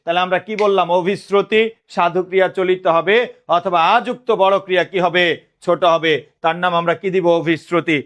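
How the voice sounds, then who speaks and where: A man from Bangladesh teaching an online class, asking the students questions and answering them himself, dictating notes slowly and repeating phrases. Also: sits high, little pitch movement, fairly bright tone. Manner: repetitive call-and-response questioning.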